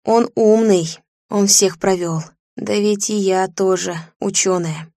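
A woman's voice: medium pitch, steady tone, slow pace, dark tone, dry recording, studio quality. A woman reading an audiobook, voicing a fierce young policewoman sergeant who gives curt orders. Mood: triumphant, commanding. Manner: curt, commanding.

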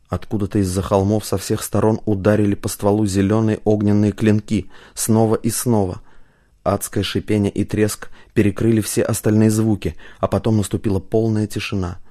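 A man narrating an audiobook in a steady, measured reading style. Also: on the low side.

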